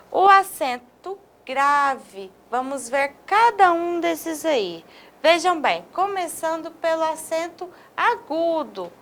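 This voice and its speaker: A Brazilian woman with a high, fairly bright voice teaches an online video lesson. She speaks slowly, stresses syllables, and draws out example words, often checking in with her listeners.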